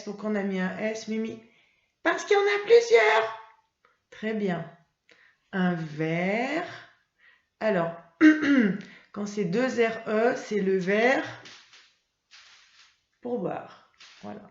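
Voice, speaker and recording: A woman teacher giving a reading lesson to young children, patiently spelling out letters and sounds. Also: mid-range voice. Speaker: primary school teacher. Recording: roomy, slightly dull sound.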